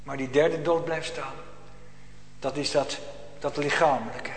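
Guy preaching in a church, fairly high voice, long echoey reverb, goes hushed then loud. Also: fairly even intonation, a little slow. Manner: dramatic swings from hushed to loud. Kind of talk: sermon.

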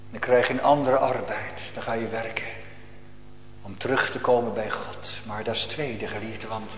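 A man preaches a sermon in a high, lifted voice. He swings from loud declaiming down to hushed near-whispers. His words ring out through a church hall with a long echo. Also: a little hiss or hum. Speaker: pastor.

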